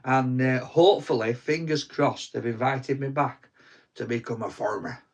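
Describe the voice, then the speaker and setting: A man's voice: medium pitch, steady tone, normal speed. A young man with a Yorkshire accent co-hosting a casual live chat, teasing and rambling with restarts, tired from little sleep. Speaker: co-host of a live stream.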